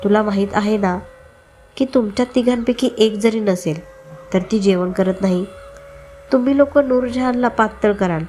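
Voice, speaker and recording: A woman's voice: medium pitch, normal speed, mellow, a little hiss or hum, close to an everyday voice. A woman voicing a playful middle-aged husband who teases fondly, in a story reading. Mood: teasing. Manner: playful, teasing.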